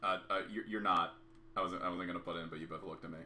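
A man's voice: sits low, fairly even intonation, fast talker, sharp tone, a little hiss or hum. A man playing a hesitant bystander who stammers through short interjections. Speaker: streamer.

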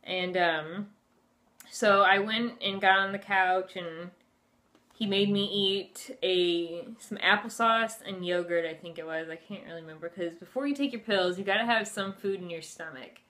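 A woman in her twenties vlogs from a furnished room at home, casually telling a personal story to camera and peppering it with "like" and "you know." Her medium-pitched voice is bright and forceful, moving at a moderate pace.

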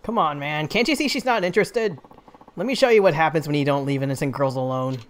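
A woman voicing a stern, calm brawler hero in a game, low and firm. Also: fast, natural voice.

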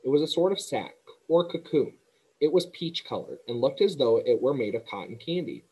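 Male teacher narrating a read-along storybook; calm, steady, slightly breathy. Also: mid-range voice, normal speed, lo-fi sound. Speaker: teacher reading aloud.

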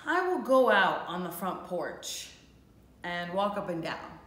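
A woman's voice: lowish voice, sing-song, slow pace, fairly bright tone, exaggerated voice. Woman voicing Toad, an earnest storybook toad. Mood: thoughtful. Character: silly, earnest, eager-to-help toad from storybook. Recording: echoey room.

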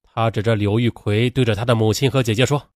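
A man telling a crime story in an animated, dramatic way, peppered with little fillers. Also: mid-range voice, fast talker, dry recording, clean studio sound.

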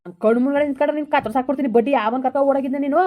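A woman's voice: high-pitched, lightly acted. A woman playing an angry old village man who scolds and threatens his wife in a comedy skit. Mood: angry scolding. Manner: harsh shouting threats, rapid scolding.

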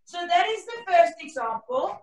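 A woman maths teacher giving an online lesson on a video call, her voice a bit hoarse and croaky, chatty and encouraging with her class. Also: very high voice, big pitch swings, normal speed, darkish tone. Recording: roomy, distant from the mic.

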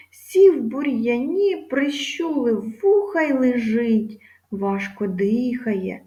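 A woman teacher reading a fable aloud with slow, careful articulation, then guiding pupils through word stress and questions. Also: high voice, a little mellow. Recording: echoey room.

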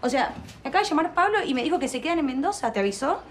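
An Argentine actress plays a fed-up young woman in a telenovela, complaining rapidly and with resentment. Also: high-pitched, sing-song, a bit bright, a little hiss or hum. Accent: Rioplatense Argentine. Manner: quick, complaining.

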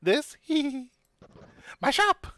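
A tiny skeleton shopkeeper from a game. The skeleton voice is high and giggly, leaping about with excitable glee. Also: slow, no room sound, full character voice. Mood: giggly, proud.

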